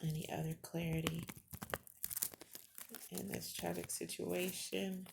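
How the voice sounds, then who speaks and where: Woman talking to ghosts real slow and solemn, lots of vocal fry, halting phrases, noisy homemade recording. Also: fairly low pitch, level tone. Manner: halting, deliberate, pausing between phrases. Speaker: paranormal session host. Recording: clearly noisy amateur recording.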